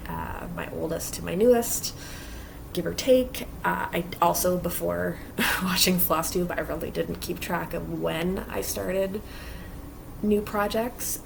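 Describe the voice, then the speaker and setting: A woman vlogging about her cross-stitch projects from a basement craft area at home has a lowish, creaky voice over background noise. She rambles in a casual, chatty way full of fillers, a touch stuffy from allergies.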